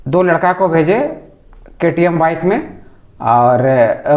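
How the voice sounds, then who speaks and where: A man's voice: fairly high pitch, lo-fi sound. A man earnestly recounting his complaint to a reporter in a news office, calling him sir and stumbling over his words now and then. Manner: earnest, respectful, addresses interviewer as sir. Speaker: complainant telling his story.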